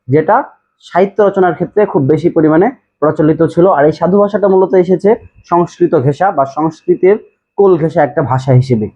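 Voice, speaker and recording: Husky man lecturing over tinny audio. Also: a little high. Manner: explanatory, repeats key terms, checks understanding. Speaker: teacher. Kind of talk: classroom lecture.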